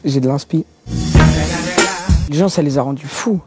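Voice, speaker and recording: A teenage man, answering interview questions about his rap career in relaxed street slang, often adding "tu vois" and repeating words for emphasis. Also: on the high side, moderate pace, over loud music. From France. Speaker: young rapper interviewed. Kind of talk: casual interview talk.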